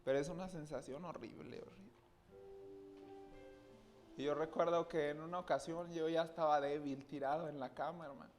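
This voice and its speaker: A man's voice: a little high, fairly even intonation, normal speed, pauses often, soft background music. Earnest man giving a church testimony. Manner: earnest, often addresses listeners as "hermano". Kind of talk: personal testimony to a congregation.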